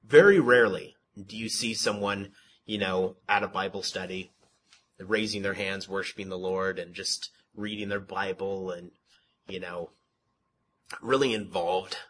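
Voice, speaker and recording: A man whose voice sits low speaks at a measured pace, giving a Bible study that feels like a conversational sermon. Rhetorical questions, repetition, and restarted words fill his talk, and he calls his voice monotone; slight background noise can be heard.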